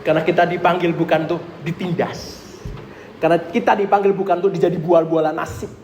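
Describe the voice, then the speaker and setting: A man preaching a sermon, telling a story with acted-out voices and sudden loud outbursts. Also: a little high, little pitch movement, quick pace, roomy sound, a little hiss or hum, low-quality recording.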